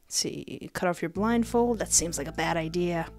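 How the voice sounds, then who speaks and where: A lowish, slightly mellow voice at a moderate pace belongs to a young woman hosting a gaming video. Between bits of casual commentary she reads text aloud dramatically, recorded close on a desk mic with a headset while music plays.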